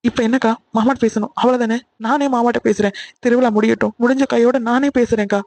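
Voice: mid-range voice, fairly even intonation, quick pace, darkish tone, natural voice. A voice actor playing a bold, persuasive younger aunt who pleads and coaxes in a cartoon. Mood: pleading. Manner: coaxing and pleading. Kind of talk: Tamil cartoon voice acting.

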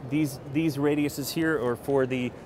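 A man in his forties, representing a company, gives a casual, informal product walkthrough at a booth in a large indoor convention hall, now and then hesitating mid-phrase. His voice is medium-pitched, steady and a little slow. The interviewer holds a handheld mic, and the trade show floor around them is busy and noisy.

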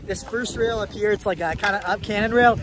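A young adult man vlogs outdoors on a ski hill as host and skier, keeping up casual, slangy, joking chat and commentary. His voice is high-pitched and a little fast. It's an outdoor phone recording with noisy wind.

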